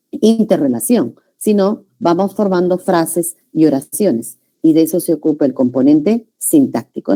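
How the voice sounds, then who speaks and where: A woman gives a classroom lecture in a warm, mellow, rather low voice. She explains step by step, slows down to spell out individual sounds, and keeps checking in with the class through short tag questions. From Peru. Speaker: teacher.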